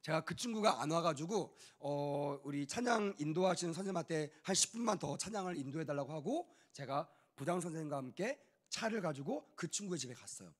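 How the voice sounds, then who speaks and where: A young adult man, a youth pastor, telling a personal testimony in a sermon with animated storytelling and acted-out voices. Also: on the high side, slightly rough.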